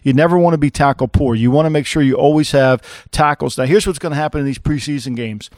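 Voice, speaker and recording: A man's voice: fairly high pitch, quick pace, a little mellow, dry recording, clean studio sound. A man co-hosting a football podcast, blunt and opinionated, rambling with restarts in casual sports talk. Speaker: co-host, former NFL executive.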